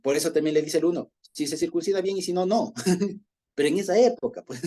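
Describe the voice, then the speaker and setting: This man's voice is on the high side and warm, moving at a moderate pace. With an Ecuadorian Spanish accent, he teaches an informal Bible study in a conversational way, often chuckling and asking after his listeners.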